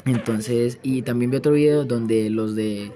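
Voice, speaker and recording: A man's voice: medium pitch, a little slow, mellow. A man in his late teens with a Colombian accent, chatting casually and slangily like a podcast host. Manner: slangy, banter-prone. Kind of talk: casual chat.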